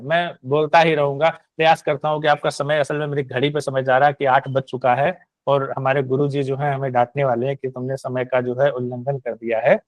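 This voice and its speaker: A man lecturing an online class with a slightly high voice. He explains patiently and with emphasis, often stopping to ask whether the listeners follow. The sound is dry and close. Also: no room sound. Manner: didactic, repeats points with "है ना" tag questions. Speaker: Sanskrit and astrology teacher.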